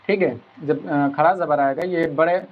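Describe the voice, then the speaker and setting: A male Quran teacher walks his students through a lesson, patient and repetitive, slowing right down to stretch out each sound. His voice sits a little high. The recording is dull and lo-fi. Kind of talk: explanatory lesson.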